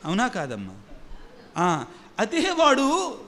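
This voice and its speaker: High, bright-voiced preaching priest. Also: male voice, huge pitch swings, slow pace. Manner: emphatic preaching, repeating phrases and asking the congregation questions. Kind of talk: sermon. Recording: long hall reverb.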